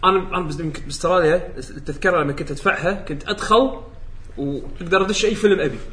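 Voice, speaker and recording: A man in casual podcast chat, joking and laughing between quick remarks. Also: high voice, fairly bright tone.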